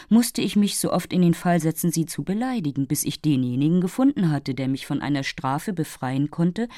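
A woman's voice: low-pitched, mellow, no room sound, studio quality, lightly acted. A woman voicing a haughty, moralizing female fairy who lectures and takes offense easily. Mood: lecturing.

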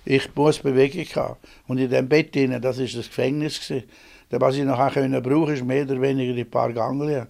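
A man in his eighties with a Swiss German accent, an inventor being interviewed, reminisces about his life in a rambling, plain-spoken way from his small home office. His medium-pitched voice is flat, creaky and darkish in tone. He talks fast.

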